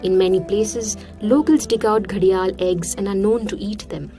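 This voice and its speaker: A woman delivers scripted nature documentary narration. Her pitch sits in the middle range for a woman, and soft music plays behind her as she tells the story as narrator. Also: steady tone, moderate pace.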